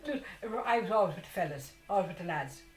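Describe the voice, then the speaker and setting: A woman in her sixties with an Irish accent, telling childhood stories in a lively, laughing way. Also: on the low side, quick pace, faint music behind. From Ireland. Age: 60s. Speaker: interviewee. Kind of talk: casual storytelling. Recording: echoey room.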